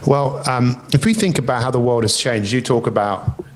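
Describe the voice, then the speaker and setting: A man's voice: medium pitch, lively intonation, normal speed. A man in his fifties hosting a podcast as a life coach, talking in a reflective, easygoing way. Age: 50s. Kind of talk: podcast conversation.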